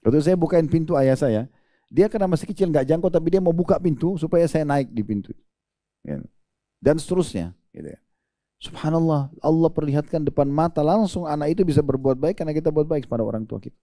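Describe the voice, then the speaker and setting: Warm, dry-voiced male preacher. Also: fairly high pitch, lively intonation, fast talker, no echo. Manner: conversational storytelling with rising emphasis. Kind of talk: sermon.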